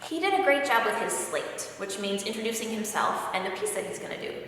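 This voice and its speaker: Woman, audition director, brisk notes, distant in a reverberant hall. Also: medium pitch, sing-song, fairly bright tone, slight background noise. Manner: brisk, interrupting, gives notes. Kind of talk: instructional talk. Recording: echoey hall from far off.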